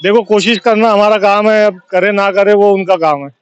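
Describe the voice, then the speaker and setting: High-pitched man issuing firm warnings. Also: fairly even intonation, normal speed, smooth, dry recording, dull audio, faint music behind. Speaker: shopkeeper. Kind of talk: street interview.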